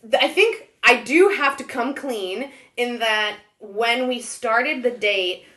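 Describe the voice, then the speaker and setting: A woman's voice: fairly high pitch, slow, echoey room. A young woman hosting a casual chat, telling a dating story with lots of laughter. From born in Israel, raised in Ohio. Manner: animated storytelling, laughs often.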